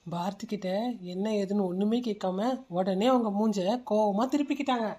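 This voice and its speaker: Steady cartoon story narrator. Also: medium pitch, normal speed.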